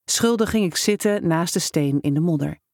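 A storyteller reads a first-person story in a steady, measured voice of middle pitch. The take is close and dry, with no room around it. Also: no echo.

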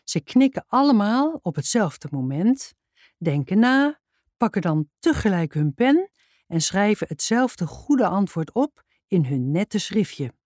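A woman's voice: medium pitch, sing-song, takes it slowly, darkish tone, dry recording, studio quality. A woman voicing a cheerful, joking young male schoolteacher in a children's storybook. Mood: playful. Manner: playful, chatty. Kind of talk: reading a children's book aloud.

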